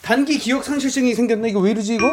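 A man competing on a radio quiz, flustered and thinking out loud. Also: very high-pitched, racing, over music. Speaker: quiz contestant.

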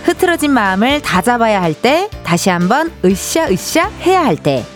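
A woman radio DJ chatting on air in a bright, playful way and reading out listener texts. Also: on the high side, very animated, moderate pace. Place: radio studio. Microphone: studio microphone. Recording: dry radio studio mic, faint music behind.

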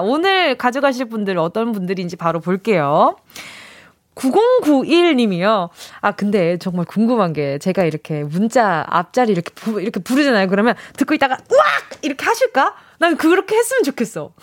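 A woman's voice: on the high side, no echo, clean studio sound. A young woman hosting a radio show, playfully announcing a giveaway and reading listener texts aloud with a bubbly, dramatic delivery. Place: radio studio. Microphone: studio mic.

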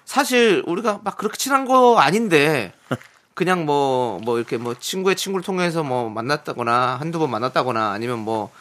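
A man's voice: on the high side, lively intonation, moderate pace, fairly bright tone. A man hosting a radio show, chatting and explaining in a casual way. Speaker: radio host. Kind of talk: radio chat.

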